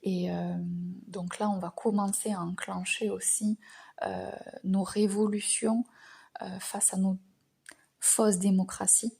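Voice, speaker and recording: A woman from France hosting an astrology talk, speaking in a reflective, hesitant monologue with many pauses and phrase endings that trail off into whispers. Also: medium pitch, flat delivery, creaky, dark tone, husky. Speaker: astrology channel host.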